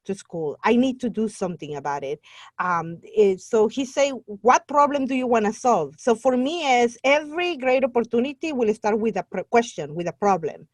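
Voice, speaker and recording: A middle-aged Guatemalan woman, a native Spanish speaker with a Spanish accent, tells her story as an interview guest; she works as an online Spanish teacher. Her voice is fairly high and the recording is dry. She comes across as earnest and talkative, laughing easily.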